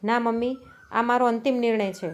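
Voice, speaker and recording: In a storybook reading, a woman narrator voices a headstrong young wife who is proud, quick to anger, and snaps her words out sharply. Her somewhat high voice keeps a fairly even intonation, close to how she'd normally speak. The mood is angry.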